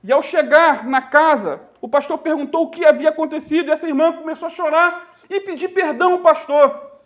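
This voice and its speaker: A Brazilian man preaching to his congregation in a voice pitched unusually high for a man. He tells stories in a warm pastoral register and calls his listeners dear ones and brothers. He draws out key phrases slowly for weight. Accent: Brazilian Portuguese. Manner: storytelling preacher addressing the congregation as "queridos" and "irmãos"; slows down to stress key phrases. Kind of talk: sermon.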